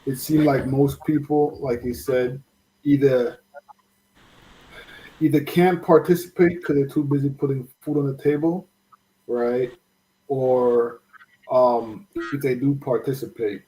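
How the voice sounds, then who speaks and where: A man's voice: mid-range voice, steady tone, a little slow, pauses often, mellow, rough recording. A man with an American accent speaking as a guest, earnest and rambling as he shares his views. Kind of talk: casual discussion.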